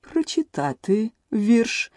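A woman voicing a pompous, flustered old male king in an audiobook, speaking slowly and ponderously. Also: fairly high pitch, big pitch swings, a little mellow, no room sound, studio quality, pitched above the performer's own voice, heavily acted. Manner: slow and ponderous. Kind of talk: audiobook character voice.

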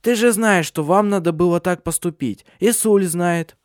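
A man doing a sharp, scornful old witch. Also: sits high, normal speed, no echo, clean studio sound, pitched above the performer's own voice, natural voice. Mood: scolding. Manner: sharp, scolding, imperious. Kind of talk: audiobook character voice.

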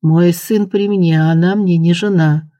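A reader voicing a passionate young prince who speaks quietly in a low chest baritone. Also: steady tone, measured pace, no room sound, natural voice. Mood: pleading.

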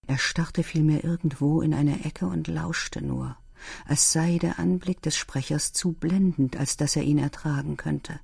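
A man narrating a literary novel in a steady, measured storytelling manner. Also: a little high, vocal fry, slightly rough, no room sound, studio quality.

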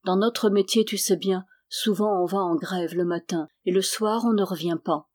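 Gentle young fisherman, read by a woman. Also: medium pitch, fairly even intonation, moderate pace, natural voice. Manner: soft, serene, timid. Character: young fisherman, calm and gentle facing death.

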